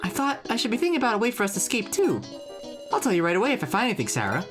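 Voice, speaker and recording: A woman voicing a quick, chirpy young woman. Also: on the high side, huge pitch swings, pitched above the performer's own voice. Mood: eager. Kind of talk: reading game dialogue aloud. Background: game music.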